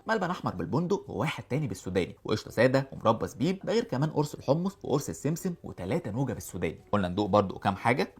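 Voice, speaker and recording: A man with an Egyptian Arabic accent doing a promotional food review voice-over, briskly listing items one after another. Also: lowish voice, breathy edge. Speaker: product reviewer.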